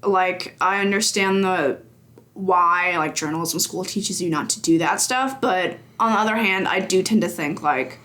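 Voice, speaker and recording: A games journalist in her twenties appears as a guest, chatting casually with lots of fillers and frequent laughter. Her voice is lowish and a bit bright, and she speaks a little slowly.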